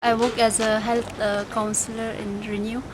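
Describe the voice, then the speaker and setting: A woman from Bhutan, a health counselor, introduces herself slowly and with some hesitation. Her voice sits a little high, and a loud crowd fills the space behind her. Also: level tone. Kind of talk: self-introduction.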